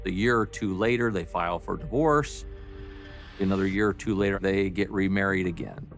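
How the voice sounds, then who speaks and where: A man speaking as a detective in a documentary interview, recounting case facts in deliberate, official phrasing. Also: low-pitched, vocal fry, faint music behind.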